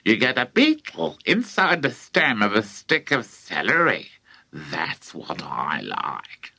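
A man voicing a gloating, menacing old grandmother with a witchy streak, in a slow, relishing, creepy drawl. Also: on the low side, huge pitch swings, vocal fry, pushed and bright, slightly rough, dry recording, exaggerated voice.

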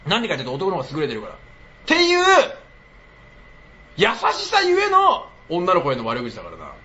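A man talking casually on a live stream with a bright, forceful tone and a pitch that swoops wildly up and down. He is blunt and teasing and laughs often, and the audio sounds slightly muffled and lo-fi. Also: wildly swooping pitch, rapid-fire. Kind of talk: casual livestream chat.

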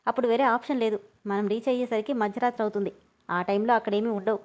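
A bossy young man in a spoken storybook, snapping short orders in clipped lines. A woman narrator voices him in her own fairly high voice, with almost no change to it. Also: fairly even intonation, fast, a little mellow, lightly acted. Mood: scolding. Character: gruff, bossy young man, curt but caring.

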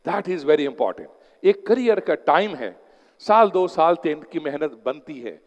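A man's voice: fairly high pitch, expressive, slow. A man giving a motivational seminar talk as an exam coach, telling stories and mixing English phrases into his Hindi. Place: lecture hall. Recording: long hall reverb.

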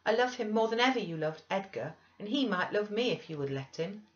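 Infatuated young gentlewoman, played by a woman reader, petulant and impassioned, period storybook, dull sound. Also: medium pitch, animated, brisk, voice pushed up, close to an everyday voice. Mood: defiant. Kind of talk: dramatized audiobook reading.

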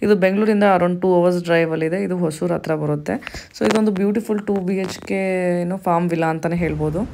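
Quick, gravelly woman doing a voice-over. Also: on the low side, a little mellow, a little hiss or hum. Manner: brisk, promotional summing-up. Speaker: travel vlogger. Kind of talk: recorded voice-over pitch.

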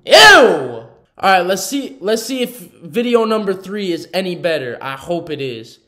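A man's voice: high voice, big pitch swings, a little slow, pushed and bright. A young man giving casual reaction commentary in a slangy, exasperated, ranting way. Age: young adult. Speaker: host of a reaction channel. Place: small room indoors.

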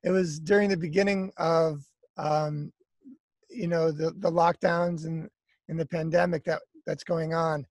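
A man's voice: fairly high pitch, measured pace, no room sound. A man in his thirties from the United States, a musician talking casually and apologetically on a video call, with lots of fillers. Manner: relaxed, chatty, apologetic, many fillers. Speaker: guest speaker, musician. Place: outdoors by trees, garden. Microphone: laptop webcam on video call.

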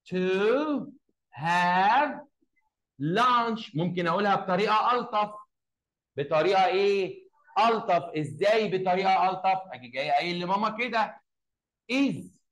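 A man with an Egyptian accent teaching an English lesson to a class. He drills short phrases slowly, repeats them and quizzes his pupils. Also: high voice, fairly bright tone, low-quality recording. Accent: Egyptian Arabic.

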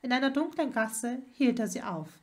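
A woman's voice: a little high, lively intonation, normal speed. A woman narrating a fan fiction story as an audiobook reader.

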